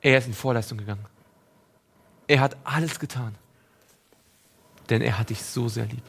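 A man preaching a sermon, reading scripture and speaking directly to his listeners, moving between raised, emphatic passages and hushed ones. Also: mid-range voice, moderate pace, vocal fry, breathy edge. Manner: addresses listeners directly and personally; reads scripture aloud within the sermon.

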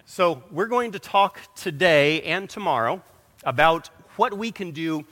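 A man's voice: fairly high pitch, expressive, a bit bright. A man with an American English accent, which carries into his German, preaches as a guest in short phrases. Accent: American English, also when speaking German. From born in Germany, lives in America. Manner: slow, halting German with hesitations. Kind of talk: sermon in short phrases for an interpreter. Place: large reverberant hall. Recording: long hall reverb.

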